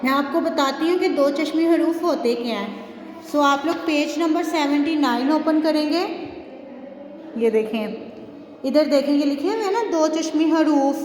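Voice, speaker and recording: High-voiced woman teaching a kindergarten class. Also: darkish tone. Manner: slow, drawn-out spelling of letters, mixing in English. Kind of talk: recorded classroom lesson. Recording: echoey room with long reverb.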